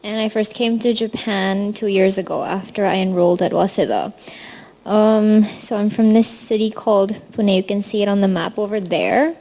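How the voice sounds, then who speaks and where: A woman's voice: medium pitch, steady tone, normal speed, mellow. A young woman from India, a university student, giving a casual presentation to an audience, with frequent ums. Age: young adult. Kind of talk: presentation talk.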